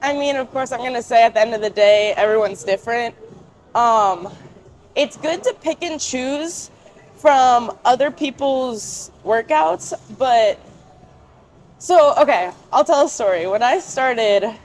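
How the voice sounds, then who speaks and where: Higher-voiced young woman chatting informally. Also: animated, unhurried, low-quality recording. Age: young adult. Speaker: interview guest. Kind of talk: casual conversational interview.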